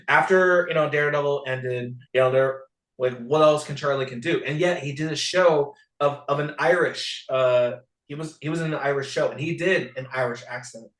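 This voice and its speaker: A man joins as guest in a casual recap chat, speaking haltingly with many restarts. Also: on the high side, a bit bright. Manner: halting, full of "you know" restarts. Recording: roomy echo.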